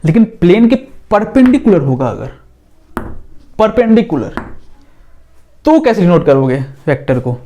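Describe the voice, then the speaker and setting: A man's voice: high voice, dark tone. A man teaching a physics lesson in a casual, patient way, drawing on a board as he talks and often checking that the class follows.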